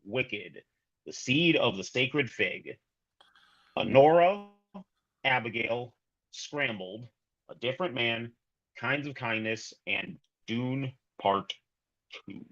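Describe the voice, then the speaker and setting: A man co-hosting a casual film review podcast, enthusiastic and halting with restarts. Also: mid-range voice, animated, a bit bright, lo-fi sound. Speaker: podcast co-host.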